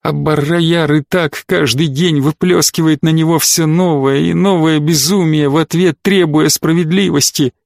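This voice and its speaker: A man's voice: a little high, fairly even intonation, normal speed, vocal fry, few pauses, no room sound, studio quality. A man voicing an upset, pleading young woman. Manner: pleading then flaring into anger. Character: distraught pregnant woman, emotional and fierce.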